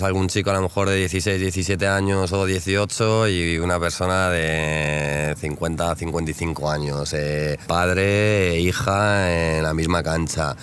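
A man talking casually in an interview at an outdoor court, relaxed and chatty with many fillers. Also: rumbling low, a little hiss or hum. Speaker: interviewee, league co-founder.

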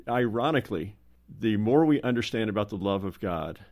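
Low-voiced man speaking slowly, haltingly. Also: expressive, a little mellow. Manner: slow, halting, full of restarts. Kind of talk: casual roundtable talk.

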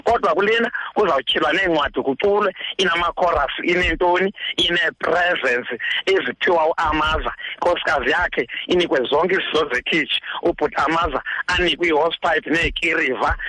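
A man's voice: on the high side, brisk, bright, forceful tone, no room sound, rough recording. A man with a Xhosa accent, explaining traditional custom as a guest expert on talk radio.

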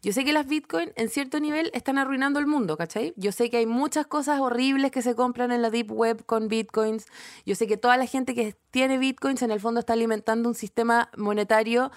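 A woman's voice: fairly high pitch, a little fast. A Chilean woman, a comedy writer co-hosting a podcast, chatting casually with sardonic, rambling restarts. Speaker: podcast co-host. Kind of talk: casual chat.

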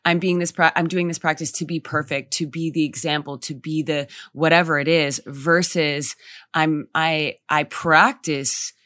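A woman's voice: deep voice, steady tone, normal speed, fairly bright tone, no room sound, studio quality. A woman guest in a casual spiritual conversation, reflective and emphatic, often repeating her phrases. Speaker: podcast guest.

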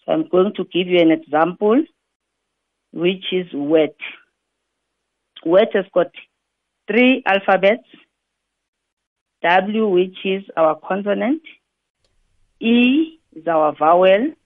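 A woman's voice: mid-range voice, lively intonation, no room sound. Patient woman teacher on a tinny phone-like line. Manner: patient, methodical, repeats examples slowly syllable by syllable. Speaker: English teacher. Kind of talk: explaining grammar rules to learners. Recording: tinny phone-like dry recording.

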